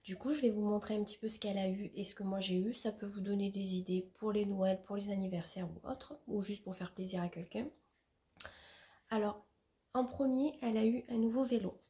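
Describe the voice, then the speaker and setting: A woman's voice: medium pitch, fairly even intonation, fairly quick, warm tone. A young woman chatting casually as a vlogger, showing gifts with many fillers and restarts. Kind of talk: casual show-and-tell chat.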